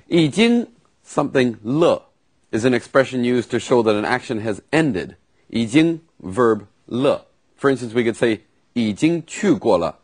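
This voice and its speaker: Husky-voiced man teaching patiently. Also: mid-range voice. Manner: patient, explains slowly with examples. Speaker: language teacher. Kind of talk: explaining vocabulary and grammar.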